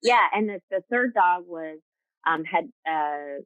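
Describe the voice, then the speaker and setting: A woman's voice: on the low side, lively intonation, measured pace, no room sound. A woman guest on a video call, talking earnestly with many fillers and restarts. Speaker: guest, rescue co-founder. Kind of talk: casual video-call interview. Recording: tinny phone-like call audio.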